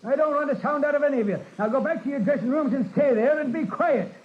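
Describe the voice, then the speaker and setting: An actor playing an impatient, blustering police sergeant in a 1940s radio drama. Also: male voice, high voice, expressive, a little fast. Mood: gruff. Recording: tinny old radio broadcast.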